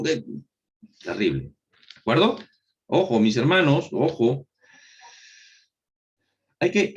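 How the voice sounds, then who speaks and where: Male Bible course teacher with a swinging, animated pitch. He quizzes the class with questions he answers himself and repeats points for emphasis. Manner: asks rhetorical questions and answers them himself; repeats key phrases for emphasis. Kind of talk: recorded Bible lesson.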